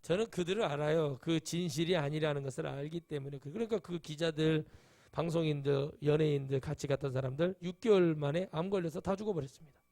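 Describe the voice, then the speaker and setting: A male pastor preaching a sermon emphatically, jumping to sudden high exclamations and acting out quoted voices. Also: fast talker, a little mellow.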